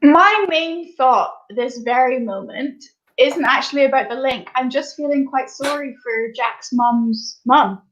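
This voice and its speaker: A woman co-hosting an online youth quiz, chatting casually with wry, gentle humour. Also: sits high, measured pace, few pauses, lo-fi sound. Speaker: youth group co-host.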